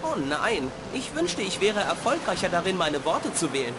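Earnest, expressive young boy. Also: on the low side, moderate pace, music in the background. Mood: hesitant. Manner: innocent, expressive. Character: polite, earnest, naive young boy adventurer. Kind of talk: video game voice acting.

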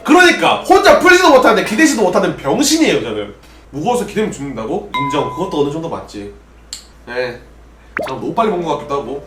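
Young man, Gyeongsang accent, high and animated streamer voice, distant roomy mic with faint music under him. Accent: Gyeongsang Korean. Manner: casual, rambling, answers chat questions. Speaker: streamer, former pro gamer. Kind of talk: solo drinking livestream chat.

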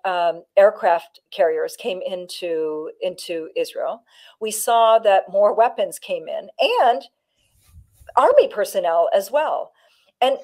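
A woman's voice: mid-range voice, a little mellow. A woman from Canada, a former negotiator, giving a firm interview answer and stressing her key points. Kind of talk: political interview.

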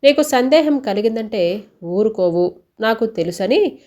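A quiet teasing uncle, as a woman narrator puts him on. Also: expressive, measured pace. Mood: gentle teasing. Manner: soft, low-key speech. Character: gentle middle-aged uncle, quiet and teasing.

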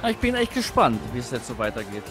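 Hyped-up guy yelling at a wrestling game, voice jumps all over, teasing his buddy. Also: medium pitch, huge pitch swings, quick pace, faint music behind. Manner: shouts and groans at the game, teasing banter. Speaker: let's play co-host. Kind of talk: excitable gaming commentary.

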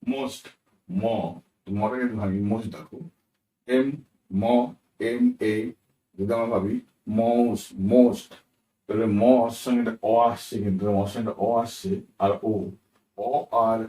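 A man with a low, mellow voice teaches pronunciation, spelling each word out slowly and repeating it. He sounds set back from the mic in a roomy, echoing space. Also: recorded from a distance. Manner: repeats words slowly, asks "right?" often. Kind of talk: explaining a lesson, spelling out words.

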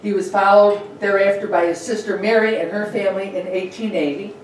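A woman gives a chatty local history talk over slides in a meeting room with a projector, sprinkling in fillers and asides. Her mid-range voice is fairly even and a little fast, picked up by a far room mic in a very echoey space with a little hiss or hum.

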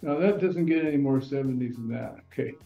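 A man's voice: mid-range voice, brisk. Older guy rambling thru a salty story, echoey room, kinda dull sound, faint music under it. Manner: blunt, profane and rambling. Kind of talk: casual storytelling monologue.

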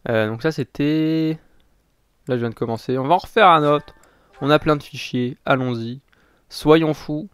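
A man's voice: a little high, moderate pace, smooth, no room sound. A man giving casual, chatty commentary while he plays a video game, muttering and correcting himself as he goes. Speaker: gaming video host. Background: faint game music.

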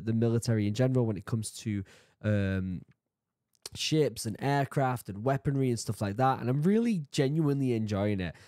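Chatting casually as he reacts to a video in his bookshelf-lined home room, a man in his thirties with a sore throat has a warm, medium-pitched voice. He's jokey and chatty, poking fun at himself with laughter. A studio mic on a boom arm plus headphones gives a dry, studio-quality recording.

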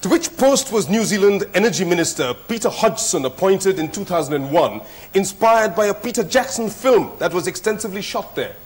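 A middle-aged man hosting a TV quiz show, speaking in a formal, measured way with clear diction. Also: high-pitched, expressive. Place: TV studio set. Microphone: lapel mic.

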